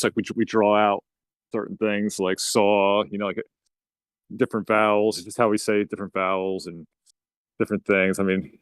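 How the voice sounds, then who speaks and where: A New Jersey-accented man chats as a guest, easygoing and unhurried. He often repeats a word as he starts a thought. His voice sits a little low, and the recording is dry with no room sound. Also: no room sound. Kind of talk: casual chat.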